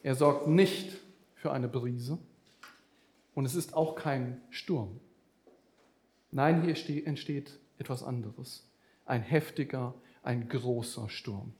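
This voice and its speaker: A man's voice: medium pitch, slow, long pauses, darkish tone, echoey room. A man preaching a sermon, speaking animatedly with vivid comparisons and addressing the listeners directly.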